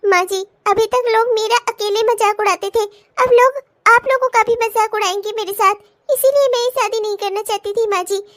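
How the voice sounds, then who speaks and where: A woman's voice: very high voice, fairly even intonation, brisk, few pauses, a bit bright. A woman voicing a timid, sad young bride. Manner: plaintive, self-doubting. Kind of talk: cartoon comedy voice acting.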